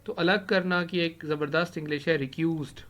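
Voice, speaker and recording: A man with a fairly bright, somewhat high voice and fairly even intonation teaches English vocabulary in a recorded lesson, keyboard clicks audible as he types while explaining. His first language is Urdu, and he repeats key words slowly as he types them.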